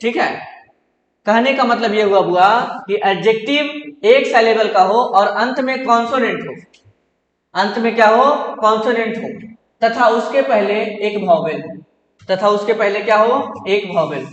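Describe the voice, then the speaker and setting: Man, high voice, grammar lesson, asks and answers his own questions, long hall reverb. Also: unhurried, muffled recording. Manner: asks questions and answers them himself, repetitive drilling. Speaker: English grammar teacher. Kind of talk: classroom grammar lesson in Hindi. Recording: echoey hall, roomy reverb.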